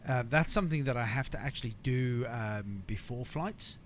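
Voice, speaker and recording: With a mid-range voice at a moderate pace, a man casually chats with viewers in a matey way as he live-streams a flight simulator and comments on the gameplay. Faint background noise and slightly dull sound come through.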